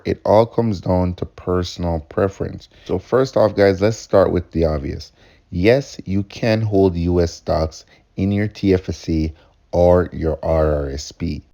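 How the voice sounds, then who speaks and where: Man, stock vlog host, dark mellow tone, low pitch, casual upbeat explainer. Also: creaky, muffled recording. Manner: upbeat, addresses viewers as guys, repeats points. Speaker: host of a stock investing channel.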